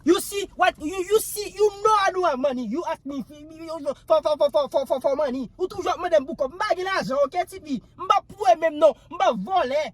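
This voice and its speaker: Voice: very high voice, brisk, hardly any pauses, noisy background. A performer in a comedy skit playing a strict, exasperated Haitian father with a Haitian accent, scolding and repeating words insistently.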